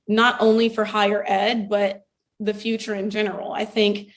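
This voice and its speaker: Her tone level and her pace moderate, a young Ohio woman who used to teach elementary school sits for a conversational interview. She answers earnestly and reflectively in a mid-range voice.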